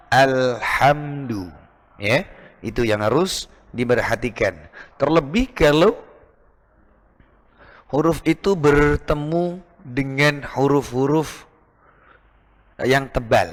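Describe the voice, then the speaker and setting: A man teaching Quran recitation, patiently repeating each sound to demonstrate it, with an East Javanese Indonesian accent. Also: mid-range voice. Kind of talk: recitation lesson.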